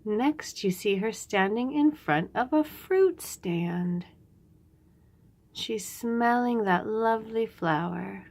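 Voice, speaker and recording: This children's read-aloud host has a somewhat high, expressive voice that is slow and a bit mellow. She walks young listeners through a picture book with short, easy descriptions and questions.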